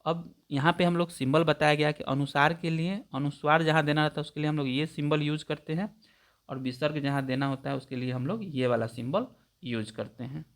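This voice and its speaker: Gravelly-voiced grammar teacher, step by step. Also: male voice, on the high side, brisk. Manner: explains step by step, repeats definitions, checks understanding. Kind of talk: exam-prep grammar lesson.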